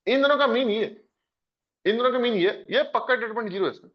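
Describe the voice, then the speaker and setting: A math teacher with an Indian accent and a very high, fast voice goes over a test with his class. He's lively and encouraging, calling students "beta," and the classroom recording sounds dull and lo-fi.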